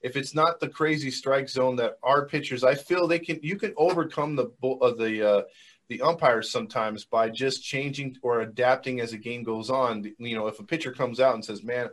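A man's voice: medium pitch, moderate pace, a bit bright. A man co-hosting a casual sports podcast, easygoing, with many fillers and restarts. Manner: laid-back, many fillers, agreeable. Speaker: podcast co-host.

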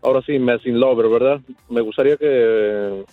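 A man's voice: mid-range voice, normal speed, no room sound, soft background music. Hesitant man caller on a tinny phone. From Mexico. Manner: hesitant, full of fillers. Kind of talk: casual phone-in chat. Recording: tinny dry phone line.

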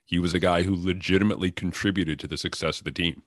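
Low-voiced male podcast host. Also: fairly even intonation, fast talker, no room sound, clean studio sound. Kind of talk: interview questions.

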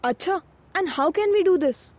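A woman's voice: extremely high pitch, animated, moderate pace. A woman with an Indian accent playing a curious, harried mother in a scripted chat, exclaiming and asking questions in mixed Hindi and English. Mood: curious, impressed. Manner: exclamatory, inquisitive, Hindi-English code-switching. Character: curious, harried mother seeking lunchbox ideas from a friend. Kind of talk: scripted conversational dialogue. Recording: music bed under the voice.

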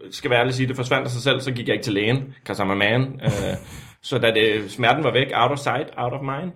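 A man's voice: mid-range voice, fairly bright tone. A man chatting casually as a guest, boasting jokingly and ribbing his friend. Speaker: podcast guest. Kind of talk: casual chat.

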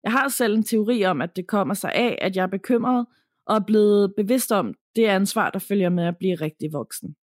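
A woman reads a listener's letter aloud for a podcast in a calm, even storytelling voice. Her pitch sits in the middle for a woman. The recording is close and dry. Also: no room sound.

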